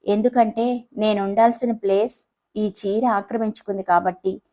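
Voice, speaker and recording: A woman's voice: mid-range voice, steady tone, normal speed, dark tone, close to an everyday voice. A woman voicing a playful, teasing young husband in a romantic audio story, speaking affectionately.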